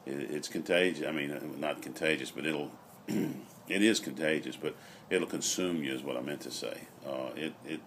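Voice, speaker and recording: A middle-aged man chats casually and reflectively, rambling with frequent pauses, recorded outdoors on a patio. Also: extremely low pitch, fairly bright tone. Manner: unhurried, rambling, pausing often. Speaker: vlogger. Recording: noisy outdoor ambient recording.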